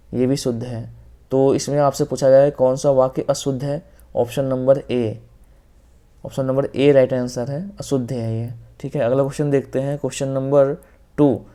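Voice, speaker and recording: Calm, flat-toned male Hindi teacher. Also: mid-range voice. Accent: Hindi-speaking North Indian. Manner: explains step by step, repeats answers, often says "ok". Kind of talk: exam-prep lesson walking through questions.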